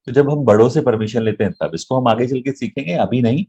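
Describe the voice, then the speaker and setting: A man's voice: mid-range voice, a little fast, warm tone, slightly rough, lo-fi sound. A man teaching an online English grammar lesson, explaining in Hindi mixed with English and often checking "right?" with his viewers.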